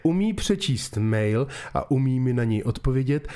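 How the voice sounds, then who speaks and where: A man playing a condescending boss who lectures an employee slowly and formally. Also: medium pitch, expressive, mellow, smooth, natural voice. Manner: slow, patronizing, formal address.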